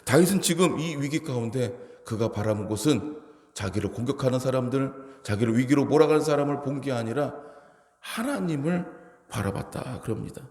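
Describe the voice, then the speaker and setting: A man's voice: medium pitch, lively intonation, moderate pace, a little mellow. A male pastor preaching an early-morning sermon, building to emphatic exhortations. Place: church sanctuary. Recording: echoey church hall.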